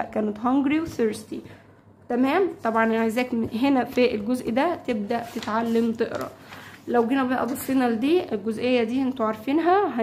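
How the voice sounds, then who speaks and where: A woman with an Egyptian Arabic accent gives a children's English lesson. Her voice sits high. She repeats each new word slowly and keeps checking that the pupils understand. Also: darkish tone, a little hiss or hum. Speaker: primary school English teacher. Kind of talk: classroom lesson explaining vocabulary.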